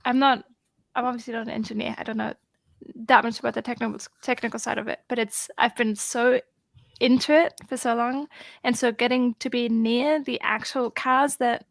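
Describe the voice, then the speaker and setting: Woman on a video call, excitable and rambling, slightly high, gravelly. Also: moderate pace, dry recording. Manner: excitable, rambling, lots of fillers. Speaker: guest on a group video chat. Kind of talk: casual chat.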